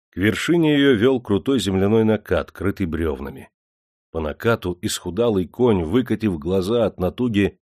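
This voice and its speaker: A man reading an audiobook in steady, measured scripted narration. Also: lowish voice, no echo, clean studio sound.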